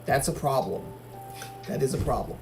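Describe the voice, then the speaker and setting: A man's voice: mid-range voice, lively intonation, moderate pace, creaky, music in the background. A man from Algeria hosting a livestream, chatting casually and giving his opinions with many fillers and restarts. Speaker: livestream host. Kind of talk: casual chat reading viewer comments.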